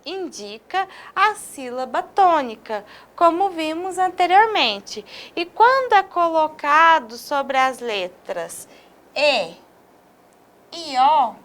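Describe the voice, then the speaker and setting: Slow, high-voiced Brazilian woman teacher. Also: fairly bright tone. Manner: slow, stresses syllables, drawn-out example words; checks in with listeners often. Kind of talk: online video lesson.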